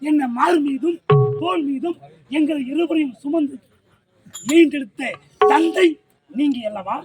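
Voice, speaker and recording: A man's voice: extremely high pitch, a little slow, recorded from a distance, over loud music. A man playing an indignant grown son. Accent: Tamil Nadu. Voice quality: formal, declaiming. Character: indignant grown son demanding his parents. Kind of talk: village stage drama.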